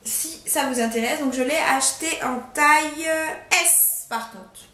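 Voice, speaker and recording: A woman's voice: sits high, measured pace. Giggly young woman vlogging in an echoey room. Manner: giggly, chatty, trails into soft asides. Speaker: beauty vlogger. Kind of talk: casual haul vlog chat.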